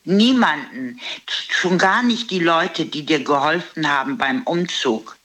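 A woman's voice: deep voice, measured pace. A woman telling a personal story in casual conversation, indignant and acting out the dialogue. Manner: lively storyteller, acts out the dialogue. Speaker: interviewee.

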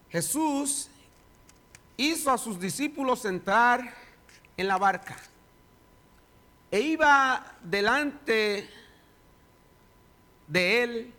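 Male pastor in church, slow and dramatic, high bright voice. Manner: dramatic reading, voice rising and falling. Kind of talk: sermon with scripture reading and prayer.

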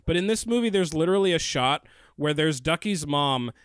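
A man co-hosts a casual podcast and explains film details in a thorough, nerdy way. His voice is smooth and clear and sits a little high for a man. It is recorded close and dry. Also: expressive, fairly quick, no room sound. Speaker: podcast co-host. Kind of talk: casual movie-review chat.

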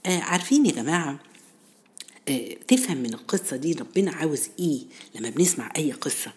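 A woman's voice: sits low, very animated, fast talker, a little mellow. A woman with an Egyptian accent telling religious stories conversationally, teaching listeners directly and putting questions to them. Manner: didactic, addresses listeners directly with rhetorical questions. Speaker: storyteller and host of a Ramadan series on Quran stories.

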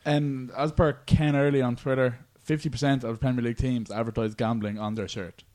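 A man's voice: medium pitch, steady tone, fairly quick, darkish tone. Irish man hosting a casual sports podcast. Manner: bantering, informal. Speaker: podcast host.

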